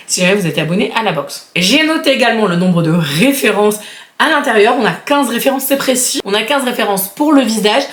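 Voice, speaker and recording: A woman in her thirties chatting casually and enthusiastically as she unboxes beauty products, with frequent fillers. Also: mid-range voice. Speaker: beauty vlogger. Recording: roomy echo.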